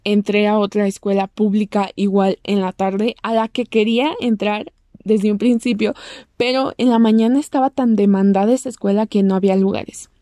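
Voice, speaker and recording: A woman's voice: steady tone, normal speed, dark tone, dry recording, clean studio sound. A young woman with a Mexican accent telling a personal story to the camera, chatty and acting out what people said. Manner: chatty, acts out quoted lines in a squeaky voice. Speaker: vlogger.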